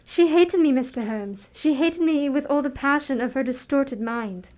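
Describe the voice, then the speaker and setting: A woman playing a distressed but dignified young governess in a radio drama, halting and emotional. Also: high voice, darkish tone, lightly acted. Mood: anguished.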